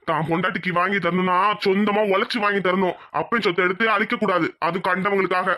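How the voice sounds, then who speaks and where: A proud, tight-fisted village father in a cartoon, scolding his family about his hard-earned wealth, as a man acts him out. His voice is high and bright, and the words come fast in a sharp, lecturing tone. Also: fairly even intonation. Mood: scornful. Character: stern proud village father, harsh and miserly. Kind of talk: cartoon voice acting.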